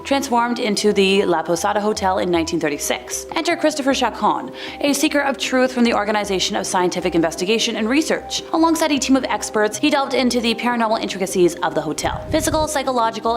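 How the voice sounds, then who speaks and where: A woman's voice: mid-range voice, expressive, fast. A woman reading scripted countdown narration, slipping in wry, casual, jokey asides. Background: background music.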